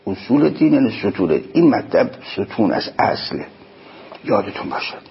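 A man giving a sermon, explaining in plain speech and slowing down to chant quoted lines. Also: fairly low pitch, sing-song, breathy edge. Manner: slow chanted quotations, emphatic explanations. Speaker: preacher. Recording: dull lo-fi recording.

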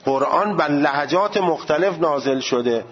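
High-voiced man lecturing in a hall. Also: highs cut off. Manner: animated, rhetorical questions. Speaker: religious studies teacher. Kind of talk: seminary lecture.

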